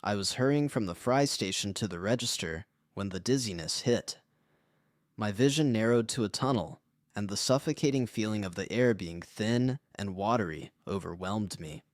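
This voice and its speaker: A low-pitched man telling his own story in scripted first-person narration. He sounds somber and confessional. The recording is close and dry, with no room sound. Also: no room sound.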